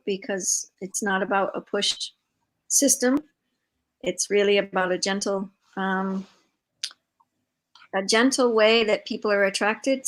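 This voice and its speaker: An older woman hosting a live video-call interview, talking in a warm, rambling way with many fillers. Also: mid-range voice, poor audio. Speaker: host and founder of an organization. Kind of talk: casual conversational interview.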